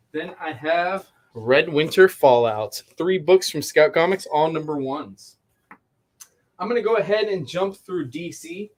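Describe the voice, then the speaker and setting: A man hosting a shop livestream, informally rambling to viewers as he shows products in a casual chat. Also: a little high. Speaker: comic shop livestream host.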